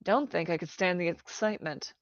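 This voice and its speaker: A woman voicing a big, guarded young girl with a dry sense of humour, speaking low and muttered. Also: fairly quick, no room sound, natural voice. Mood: guarded, wry. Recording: dry, dull lo-fi recording.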